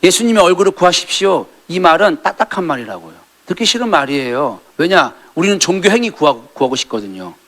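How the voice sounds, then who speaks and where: Lively, bright-voiced man preaching. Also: on the high side, fast, hardly any pauses. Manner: animated preaching, acting out quoted lines, rising to loud peaks. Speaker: pastor. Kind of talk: sermon. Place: church sanctuary.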